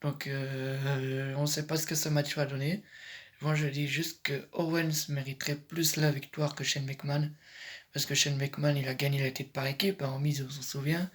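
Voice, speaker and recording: A man's voice: medium pitch, little pitch movement, moderate pace. Hesitant French man vlogging. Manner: hesitant, often corrects himself mid-sentence. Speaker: YouTuber giving predictions. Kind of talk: casual commentary vlog.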